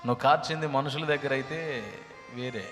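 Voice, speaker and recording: A man's voice: mid-range voice, steady tone, fairly quick. Man preaching dramatically in a hall. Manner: dramatic preaching, swings from hushed to loud. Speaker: pastor. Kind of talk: sermon with storytelling. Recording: reverberant hall with music behind.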